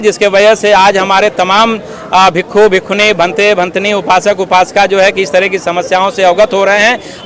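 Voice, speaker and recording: A man with a high, somewhat bright voice speaks as an activist in a street interview outside, explaining his position at length in a formal, earnest way, with his usual filler phrases.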